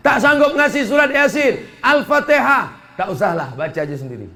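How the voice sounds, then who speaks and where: A male preacher delivers a joking sermon in a mosque. His voice sits high and sounds bright and forceful. He swings between slow, weighty phrases and quick, teasing asides, and now and then he shouts. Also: very animated. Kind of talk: humorous sermon to a mosque congregation.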